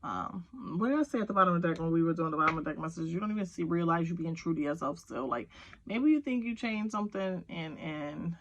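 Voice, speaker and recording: A woman's voice: on the low side, animated, fast, fairly bright tone, slight background noise, rough recording. A woman giving a casual tarot reading at home, rambling with lots of fillers and talking straight to the viewer. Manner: rambling, filler-heavy, talks to viewer directly. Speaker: tarot reader. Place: at home with kids nearby.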